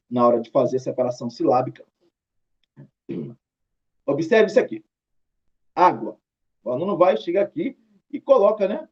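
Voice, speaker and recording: A man's voice: a little high, warm tone, lo-fi sound. A Brazilian man teaching a writing lesson, talking students through examples in a chatty, mildly scolding way. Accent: Brazilian Portuguese. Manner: chatty, drawing out tag questions, mildly scolding.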